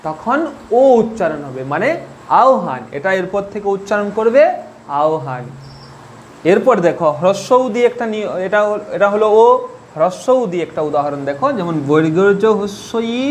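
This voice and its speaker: A man's voice: high-pitched, slight background noise. A man teaching a spoken grammar lesson, patient, repeating each point and asking the listener questions.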